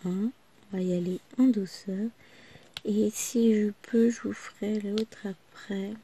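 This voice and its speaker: Chatty woman with a gravelly voice. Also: medium pitch, fairly even intonation, slow pace, warm tone, slight background noise. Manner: rambling, chatty, many small asides. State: voice still breaking after losing it. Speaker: vlogger. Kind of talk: casual chat to viewers.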